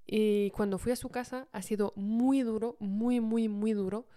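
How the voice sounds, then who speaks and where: A woman's voice: a little high, steady tone, measured pace, warm tone. A woman, a podcast co-host telling a personal story in a casual, hesitant way with many fillers.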